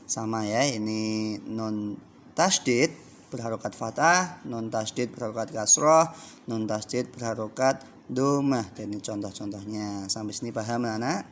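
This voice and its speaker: A man's voice: on the low side, normal speed, a little hiss or hum. A man teaching a Quran reading lesson to young children, patiently asking them questions, counting aloud and drawing out the example words. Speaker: primary school teacher.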